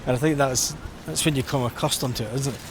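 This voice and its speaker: Walking along a busy seafront, a Scottish vlogger in middle age rambles informally and reflectively. He speaks fast in a mid-range voice with a steady tone, while traffic hums in the background of the street recording.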